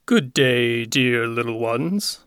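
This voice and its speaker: A woman voicing a sly, menacing male fox in a storybook reading, talking slowly with a slick, sneering manner. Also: rumbling low, animated, a bit bright, clean tone, no echo, clean studio sound, voice pushed down, full character voice.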